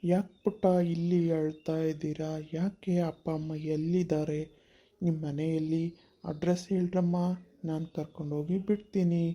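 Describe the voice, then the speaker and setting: Man plays a protective cartoon uncle, mid pitch, dark tone, coaxing. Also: steady tone, normal speed, natural voice. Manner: scolding to strangers, coaxing to children. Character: kind childless uncle, protective, warm-hearted. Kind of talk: cartoon voice acting.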